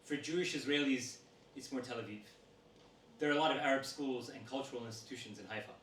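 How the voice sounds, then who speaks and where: A man reading a woman's interview answers aloud to an audience in a steady, measured voice. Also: medium pitch. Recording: roomy sound from a distant mic with faint noise.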